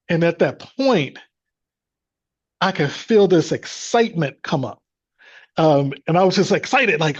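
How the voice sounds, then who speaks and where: A man's voice: on the high side, a little mellow, breathy edge, muffled recording. A man telling a personal faith story as a guest, in an earnest, devout manner. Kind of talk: personal testimony.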